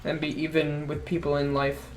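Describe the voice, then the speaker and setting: A man's voice: a little high, completely flat delivery, brisk, slight background noise. A young man co-hosting a casual podcast, blunt and joking, with casual slang. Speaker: podcast co-host. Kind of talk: casual chat.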